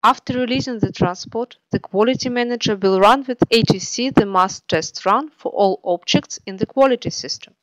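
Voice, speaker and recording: Dry, steady woman tutorial narrator. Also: a little high, normal speed, hardly any pauses, no echo, poor audio. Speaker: software tutorial presenter. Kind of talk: scripted screencast narration.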